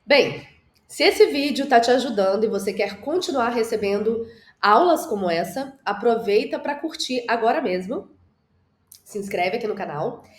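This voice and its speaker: A woman teaching an English lesson with gestures, speaking to the viewer in an encouraging way and drawing out the model sentences slowly for repetition. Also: a little high, expressive, reverberant.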